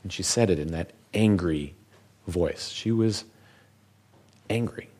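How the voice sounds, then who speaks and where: This man's voice is very low and deep, a little mellow, as he gives a public talk as a physician. His storytelling is reflective and unhurried, with time given to every thought.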